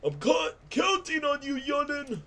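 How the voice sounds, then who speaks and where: Strained, high-pitched grumpy old codger. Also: male voice, animated, measured pace, sharp tone, full character voice. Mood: insistent, hopeful. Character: chatty, nostalgic grumpy old man villager. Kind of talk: video game character read aloud.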